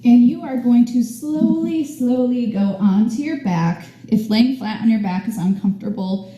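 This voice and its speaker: A woman's voice: on the high side, normal speed, warm tone, heavy reverb, low-quality recording. A woman teaching a yoga class, guiding poses with upbeat, chatty encouragement. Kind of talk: guided yoga class instruction. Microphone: camera mic at a distance.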